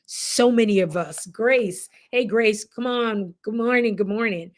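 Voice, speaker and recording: With a mid-range voice and a slightly slow pace, this Jamaican-accented coach from the Caribbean talks to her livestream audience. Her manner is relaxed, chatty and supportive, speaking straight to the people watching.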